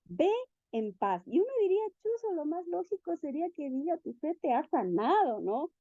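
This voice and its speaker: A woman preaching a sermon in an animated way, asking the listeners questions and acting out the quotes. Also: high-pitched, normal speed, no room sound. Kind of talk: sermon teaching. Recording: dull, lo-fi recording.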